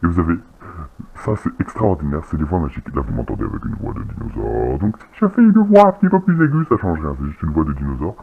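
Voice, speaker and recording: A man talking through a voice changer that turns him into a deep, rumbling dinosaur voice. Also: huge pitch swings, fast, gravelly, phone-quality sound, a little hiss or hum, full character voice. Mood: amused. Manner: chatty, demonstrating. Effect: software voice changer, pitched down.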